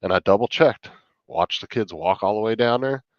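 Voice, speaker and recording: A middle-aged man with a fairly low voice talks casually and bluntly, swearing freely as he rants. The sound is muffled and carries clear room echo. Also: moderate pace. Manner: blunt, heavily profane ranting. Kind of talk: casual chat.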